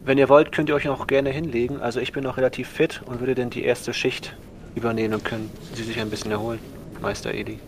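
A man's voice: mid-range voice, flat delivery, quick pace. A man speaking in character as a player in a tabletop role-play, with background noise.

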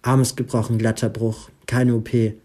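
A man's voice: medium pitch, level tone, normal speed, darkish tone, close to an everyday voice. A man voicing a casual, easygoing young man in an audiobook reading, talking in an offhand way.

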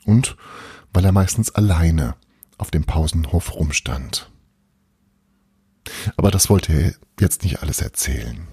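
A man reading a children's story aloud, expressive, with sound words and hushed suspense. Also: very deep voice, unhurried, gravelly, pauses often, breathy edge, dry recording, studio quality. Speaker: narrator.

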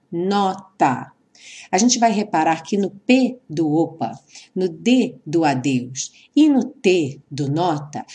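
A woman teaching English to Portuguese speakers, explaining grammar and pronunciation and slowly sounding out model sentences. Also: fairly low pitch, warm tone. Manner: slow, careful, drawn-out model sentences.

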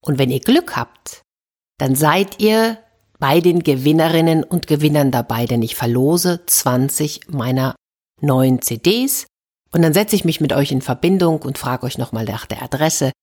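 A woman's voice: low voice, expressive, normal speed. A woman hosting a children's story podcast, telling a fairy tale and speaking directly to young listeners. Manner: warm-hearted, addressing children directly.

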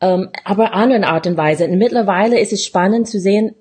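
A middle-aged woman from the USA speaks German with a clear American accent. Her voice is a little husky, and as a native English speaker she phrases her casual interview stories haltingly, with small grammatical slips. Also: medium pitch, a little mellow. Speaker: interview guest, radio show host. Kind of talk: casual personal storytelling in an interview.

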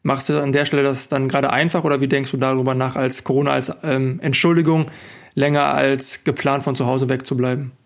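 A man interviewing a guest in casual conversation, asking measured, probing questions with small hesitations. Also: medium pitch, flat delivery, vocal fry.

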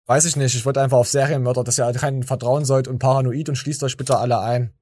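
A man's voice: medium pitch, little pitch movement, quick pace, a little mellow, breathy edge. A tired man hosting a podcast, rambling and joking with stammering restarts. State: tired from little sleep. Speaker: podcast host. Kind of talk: casual chat.

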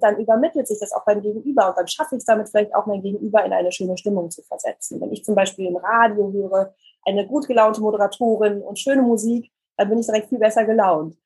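Breathy woman explaining voice technique. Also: mid-range voice, low-quality recording. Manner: calm, explanatory, demonstrates exercises. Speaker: voice coach and news presenter. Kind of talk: explanatory podcast interview.

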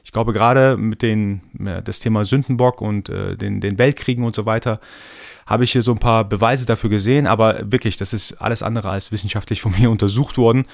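A man's voice: lowish voice, fairly even intonation, brisk, gravelly, dry recording, clean studio sound. A man born in Iran, hosting a solo podcast and explaining his ideas step by step in a thoughtful, reflective way. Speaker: podcast host.

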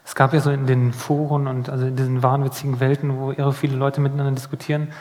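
A man's voice: medium pitch, level tone, quick pace, a little mellow. A man hosting an interview, asking loose, rambling questions and teasing his guest. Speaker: interviewer, host. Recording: long hall reverb.

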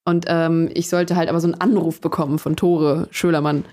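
A woman's voice: low voice, brisk. Chatty young woman telling a story. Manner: chatty and lively, many fillers, laughs while telling. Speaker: guest, singer. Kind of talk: casual storytelling interview.

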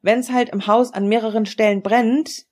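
A woman's voice: on the high side, steady tone, normal speed, darkish tone. A woman in her forties telling her own story in a podcast interview, explaining frankly and matter-of-factly with many fillers. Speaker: interview guest.

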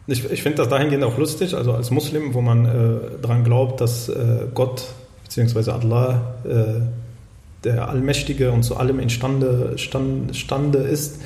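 A man co-hosting a casual talk show, talking in a halting way with many fillers and restarts. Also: medium pitch, steady tone, mellow, reverberant. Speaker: podcast co-host. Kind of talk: casual discussion.

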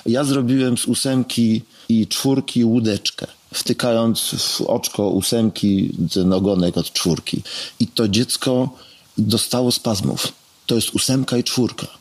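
Husky man telling a thoughtful story. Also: on the low side, fairly even intonation, measured pace. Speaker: theatre guest. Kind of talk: casual storytelling.

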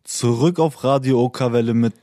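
A man's voice: mid-range voice, fairly quick, mellow, no room sound. Male radio host, casual and encouraging, dry studio.

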